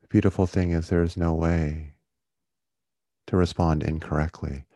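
A man leading a guided meditation in a soothing, gentle, unhurried manner, like a yoga teacher. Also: low-pitched, fairly even intonation, dry recording. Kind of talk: guided body-scan meditation.

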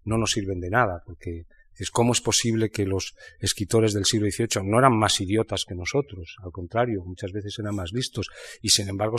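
A man from Spain talking about literature in a reflective conversation, thinking aloud with many pauses and restarts. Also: on the low side. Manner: thoughtful, halting, many restarts and fillers. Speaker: writer in conversation.

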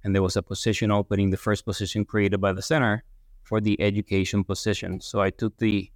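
Low gravelly man from Puerto Rico. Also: a little fast, no echo. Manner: relaxed, rambling with restarts. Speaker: guest, veterinary business professor. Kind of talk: casual interview talk.

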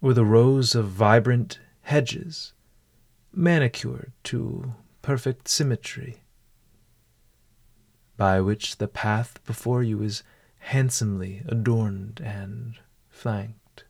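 A man leading a guided walking meditation in a calm, deliberate, measured way. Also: mid-range voice, vocal fry.

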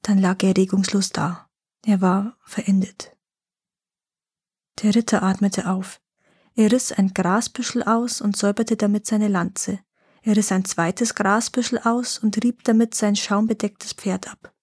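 A woman narrating a fairy-tale legend in a calm, even reading voice. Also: medium pitch, measured pace, husky, dry recording, studio quality.

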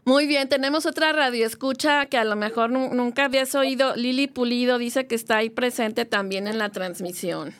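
A woman hosting a radio talk show who announces listeners in a lively way. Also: on the high side, moderate pace, few pauses, smooth. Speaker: radio host.

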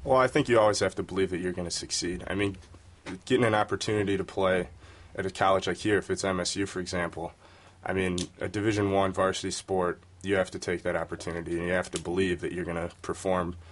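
A man on a radio panel, giving a steady, assured answer. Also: low-pitched, fast, a little hiss or hum. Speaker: studio guest panelist.

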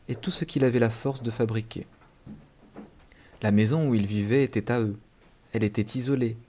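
A man reading a classic fairy tale aloud as narrator, calm and measured. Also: medium pitch. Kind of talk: scripted storybook narration.

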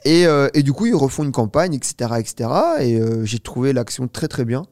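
This is a clean, dry studio recording of a mid-range male voice. The speaker is a startup founder in his twenties, a guest in a relaxed interview, telling a lengthy story at a fast, lively clip. His delivery is crowded with fillers and frequent "tu vois" ("you see").

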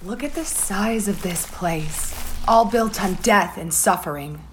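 A woman's voice: mid-range voice, unhurried, a little hiss or hum, natural voice. A woman playing a determined, defiant young daughter in an audio drama.

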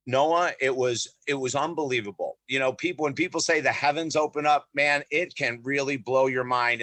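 A middle-aged man speaks as an interview guest, telling his story with emphatic energy and a habit of checking in with "right?". His voice is bright and forceful. The sound is dry, with no room echo. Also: mid-range voice. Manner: emphatic, repeats "you know" and "right?", often addresses the host by name. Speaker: guest, author and counselor.

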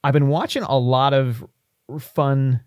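A man's voice: medium pitch, slow, a little mellow, clean tone, no room sound. A man co-hosting a podcast, talking casually and thinking aloud as he lays out ideas on a close microphone. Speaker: podcast co-host. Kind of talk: casual podcast talk, pitching a tabletop game character.

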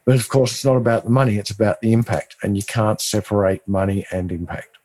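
A man's voice: lowish voice, a little fast, darkish tone. A man co-hosting a casual business chat, explaining enthusiastically with stammering restarts. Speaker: co-host.

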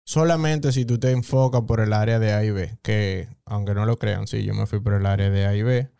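Mellow Dominican man, smooth voice. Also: on the low side, steady tone, fairly quick, dry recording, clean studio sound. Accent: Dominican Spanish. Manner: chatty, explains at length with restarts. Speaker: podcast guest, hospitality professional. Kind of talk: casual interview talk.

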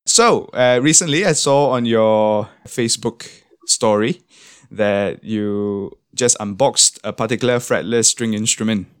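A man hosting a podcast interview, talking in a relaxed, chatty way and laughing often, over a video call. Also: lowish voice, unhurried, clear, resonant tone, dry recording, studio quality. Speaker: podcast host.

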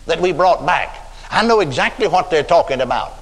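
A man's voice: fairly high pitch, animated, fairly quick, creaky, a bit bright. An older man with a Texan accent preaching a sermon, telling stories dramatically and drawing out emphatic words. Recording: long reverb of a church hall.

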